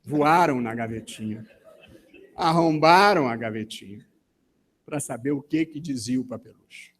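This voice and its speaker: A man with a Brazilian Portuguese accent giving a formal talk at a legal seminar. He speaks in a measured, deliberate way and often pauses with hesitation fillers. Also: medium pitch. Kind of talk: formal conference speech. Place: conference hall in Brazil.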